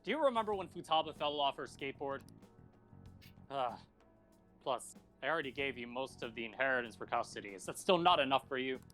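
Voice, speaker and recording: A man voicing a middle-aged cafe owner, dry and guarded. His voice sits at an ordinary pitch and stays deadpan and weary. Light music plays behind. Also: fairly quick, close to an everyday voice. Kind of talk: fan comedy dub.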